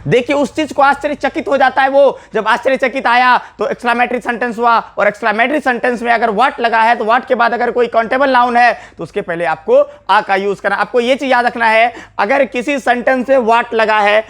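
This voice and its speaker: A man's voice: very high-pitched, fairly even intonation, fairly quick, few pauses, fairly bright tone. A man teaching an English grammar lesson, explaining patiently, repeating key points and addressing viewers casually as brother.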